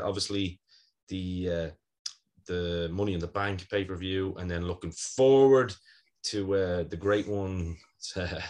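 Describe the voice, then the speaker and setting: A man hosting a podcast in a casual, blokey, bantering chat style. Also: low-pitched. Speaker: podcast host. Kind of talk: casual pro wrestling chat.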